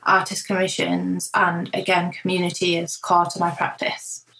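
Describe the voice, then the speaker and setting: A woman, a photographer guest who describes her work in a brisk, concise way. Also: lowish voice, completely flat delivery, gravelly, a bit bright, rough recording. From rural north of England. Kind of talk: interview answers.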